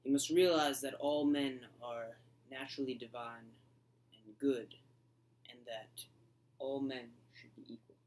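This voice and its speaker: A young man playing an earnest old male philosopher in an amateur school skit, talking haltingly with many ums while reciting his lines. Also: mid-range voice, steady tone, a little mellow, lightly acted, low-quality recording.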